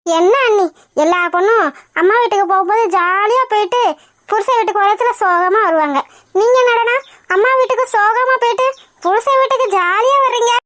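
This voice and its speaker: Woman doing a squeaky teasing village girl. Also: fairly quick, a bit bright, no echo. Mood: mocking. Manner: teasing, mocking, chatty. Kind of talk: cartoon voice acting.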